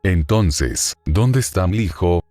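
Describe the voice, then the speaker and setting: A man voicing a tired, worried middle-aged father who speaks gruffly and curtly, in a horror story reading. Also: low-pitched, lively intonation, slow pace, dark tone, no room sound, exaggerated voice. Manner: gruff and curt.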